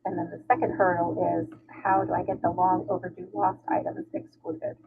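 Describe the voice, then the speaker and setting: A woman's voice: on the low side, little pitch movement, normal speed, gravelly. A woman on an online meeting, explaining her question step by step with a slightly apologetic manner, her voice sounding muffled and tunnel-like through a poor microphone. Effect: muffled tunnel-like sound from a bad microphone. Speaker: library staff member asking a question. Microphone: poor computer microphone on a video call. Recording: tinny, muffled call audio with faint noise.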